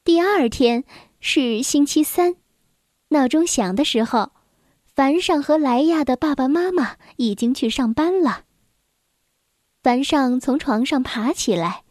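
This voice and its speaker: A woman reading a children's storybook aloud in a gentle, unhurried storytelling manner. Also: high voice, lively intonation, no echo, clean studio sound.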